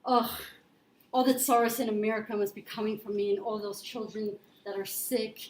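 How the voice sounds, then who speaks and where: A woman's voice: medium pitch, steady tone, normal speed, a loud crowd. A woman chatting and debating casually, blunt and informal, peppering her talk with "like" as she raises questions. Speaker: discussion partner posing questions. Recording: echoey room with faint noise.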